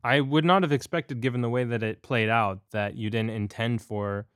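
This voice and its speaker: A man's voice: mid-range voice, fairly even intonation, normal speed, a bit bright, no echo, clean studio sound. A man interviewing a film director, asking thoughtful questions with frequent fillers.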